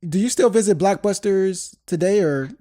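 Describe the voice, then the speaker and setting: A man in his thirties with a high, dark-toned voice hosts a podcast at a moderate pace while stuffy from a cold. His relaxed chat is loose and full of fillers and restarts.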